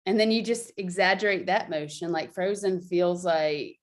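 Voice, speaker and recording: A woman's voice: lowish voice, normal speed. Woman guest explaining a practice; chatty, laughing, filler-heavy delivery. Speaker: guest teacher. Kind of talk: casual explanatory chat.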